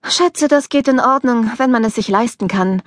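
Woman doing a sharp, teasing young student girl, pitched up a touch, dry close read. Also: normal speed, dry recording, close to an everyday voice. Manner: wry, teasing.

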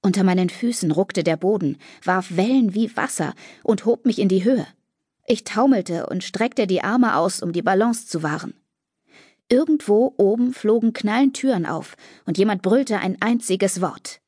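A woman narrating a first-person fantasy audiobook with steady, even-paced storytelling on a close studio mic. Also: mid-range voice, normal speed, slightly rough, no room sound.

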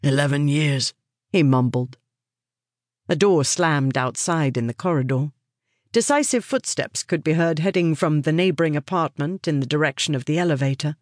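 Measured woman audiobook narrator. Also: deep voice, dry recording, studio quality. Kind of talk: scripted narration.

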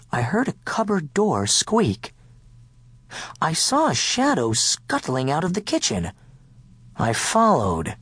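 A man narrating a children's picture book in first person as a dog, playful and expressive. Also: fairly high pitch, slightly rough, no room sound. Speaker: audiobook narrator.

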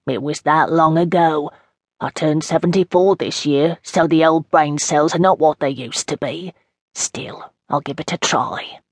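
A woman's voice: fairly low pitch, darkish tone, dry recording. A woman reading an audiobook as a chatty woman in her seventies with an East End London accent, homely and rambling. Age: 70s. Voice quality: homely, rambling, dialect grammar. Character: frail chatty old East End woman, long institutionalised. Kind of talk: audiobook narration in character.

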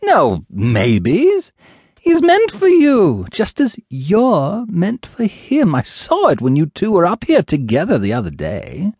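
A man reads an audiobook in a full character voice, playing an elderly female ghost witch who is doting and nosy and keeps calling people dearie. He pitches his voice high, well above his own, swooping wildly at a slow pace with a darkish, breathy tone. The delivery is fluttery, motherly and teasing, captured dry in a clean studio.

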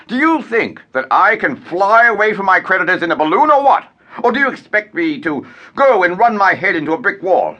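A blustering, irate landowner demanding his money, as a man acts him out, ranting in big theatrical outbursts. His voice leaps wildly up and down and carries a bright, forceful edge. It is a stage-play style performance. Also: a little high, breathy edge, exaggerated voice. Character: irate middle-aged male landowner creditor, blustering.

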